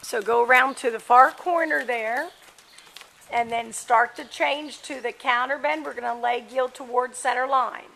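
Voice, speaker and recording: High, creaky woman calling brisk riding commands. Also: steady tone, pushed and bright, low-quality recording. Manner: brisk, projected commands in short clipped phrases. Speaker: horse riding instructor. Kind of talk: live riding lesson coaching. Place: outdoors in a large open-sided covered riding arena.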